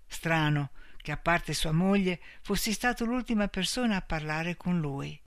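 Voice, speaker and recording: A man reading a novel aloud as narrator, in a measured, even storytelling manner. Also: high voice, no echo, studio quality. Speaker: audiobook narrator. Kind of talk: scripted narration.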